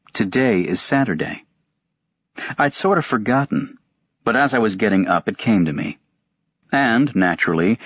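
A man narrating a first-person novel as a sleep audiobook, in an even, unhurried reading voice. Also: lowish voice, no room sound. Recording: dry, dull-sounding recording.

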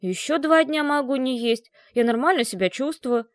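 A woman's voice: high-pitched, expressive, moderate pace, dry recording, clean studio sound, pitched above the performer's own voice. A woman voicing a stubborn, brave teenage boy who talks back indignantly and grumbles. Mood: grumbling.

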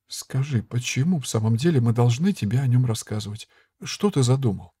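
A man voicing a firm, wary young woman who speaks in a stern low voice. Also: lively intonation, brisk, dark tone, husky.

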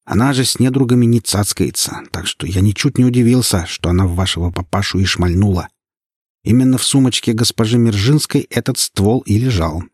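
A man's voice: lowish voice, a little fast, darkish tone, breathy edge, dry recording, clean studio sound. A man voicing a sly, sarcastic male detective who mocks and uses slang. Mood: mocking. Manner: mocking, slangy.

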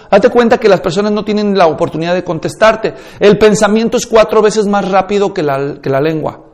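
In a high voice, a man teaching preaching speaks emphatically and instructively to his listeners, addressing them directly. He demonstrates tones and speeds by performing them with his own voice.

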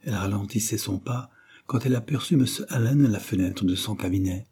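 A man narrating a classic novel as an audiobook in a steady storytelling manner. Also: fairly low pitch, a little fast, husky.

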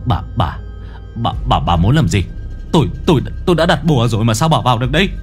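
A man's voice: mid-range voice, sing-song, fast talker, soft background music, lightly acted. A man playing a stammering scared husband. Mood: terrified. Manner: stammering in fear. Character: stuttering terrified young husband, a former soldier.

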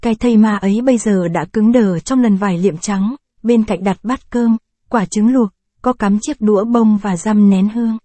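Mellow woman reading a story. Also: mid-range voice, moderate pace, no echo. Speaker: story narrator. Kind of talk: scripted narration.

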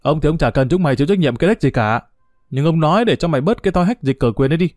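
A man's voice: on the high side, animated, racing, darkish tone, no echo, clean studio sound, soft background music, lightly acted. Defiant young father, as a male narrator puts him on: brash, blunt, plain voice. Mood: angry. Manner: blunt, rough-spoken.

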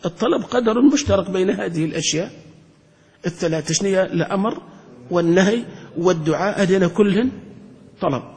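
A high-voiced man teaches grammar as a sheikh, pressing his class with questions. He circles back, repeats himself and restarts half-finished words. His voice rings with a long hall reverb. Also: brisk, pauses often, a little mellow. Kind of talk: classroom lesson explanation.

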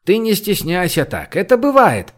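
A brash, joking man who runs the group, played by a male audiobook reader. He talks loud and bossy, with a pushed, lifted voice. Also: high voice, huge pitch swings, normal speed, pitched above the performer's own voice.

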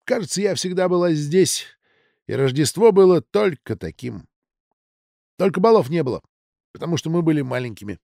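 Chattering teenage schoolgirls in a storybook, voiced by a man reading aloud. The voice rises high and bright, with a lively, swooping pitch. The sound is close and dry. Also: moderate pace, vocal fry, long pauses, no room sound. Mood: girlish chatter. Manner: bright, giggly, raised pitch.

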